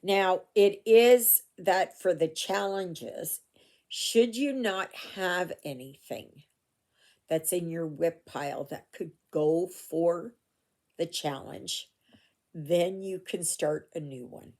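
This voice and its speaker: A fairly low-pitched, darkish voice at a slow pace belongs to an older Canadian woman who vlogs about cross-stitch. She rambles casually with asides and fillers while stitching at home, captured on a phone camera.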